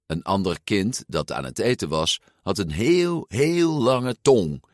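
Slow, expressive male storybook narrator. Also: on the low side, no echo, studio quality. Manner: expressive, unhurried. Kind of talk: storybook read-aloud narration.

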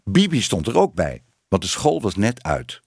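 A man narrating a children's book in an expressive, varied reading. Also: lowish voice, moderate pace, creaky, husky, no echo, clean studio sound. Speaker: audiobook narrator.

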